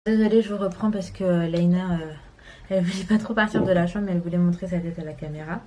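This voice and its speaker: A woman's voice: on the low side, steady tone, fast talker, very noisy. A woman in her twenties from France, chatting casually to camera at home, rambling with many fillers. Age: 20s. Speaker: vlogger. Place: home, indoors.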